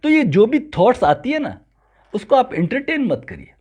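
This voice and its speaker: Animated high-voiced man giving a spiritual lecture. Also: normal speed, husky. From Rajasthan, India. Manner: animated, recites Sanskrit verses. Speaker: yoga teacher.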